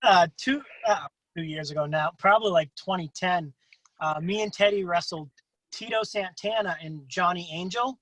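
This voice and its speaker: A man hosting a casual interview over a video call who swears freely and jumps into excited voices when he quotes other wrestlers. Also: moderate pace, no room sound, rough recording. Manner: profane, swears freely in anecdotes; acts out quotes with big pitch jumps. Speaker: interview host.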